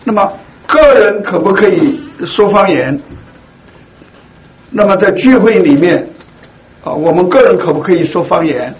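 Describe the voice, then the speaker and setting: A man leading a Bible study for his congregation, speaking slowly and deliberately with many hesitant fillers. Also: sits high. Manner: slow, deliberate, with frequent fillers. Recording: dull lo-fi recording, faint hiss.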